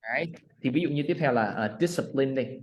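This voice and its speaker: A man tutoring English pronunciation over a video call, patiently repeating words slowly for his student. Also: medium pitch, muffled recording. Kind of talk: one-on-one online lesson.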